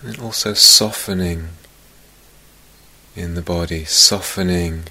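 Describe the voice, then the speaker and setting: The audio is poor as a deep-voiced man with fairly even intonation guides a meditation. Softly spoken, he allows long pauses and lets phrases trail away toward a whisper.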